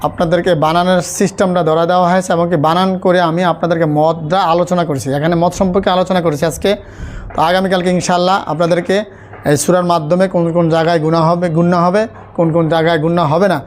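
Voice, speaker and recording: A man teaching a Quran spelling lesson, chanting letters and syllables slowly and repeating them in a steady drill. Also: high-pitched. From Bangladesh.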